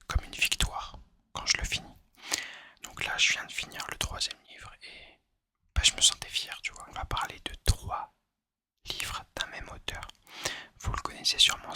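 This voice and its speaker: A man speaking in a soft, unvoiced ASMR whisper, chatting informally and confidingly to the listener about recommendations. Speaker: ASMR video host.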